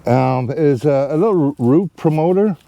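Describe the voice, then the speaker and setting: Slow, mellow-voiced man planting trees. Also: a little high, animated, vocal fry, a little hiss or hum. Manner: rambling, many fillers, talks to viewers as guys. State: back tightening up, a bit strained. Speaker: tree planting vlogger. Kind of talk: casual how-to narration while working. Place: outdoors at a planting site. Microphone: camera mic, set down nearby.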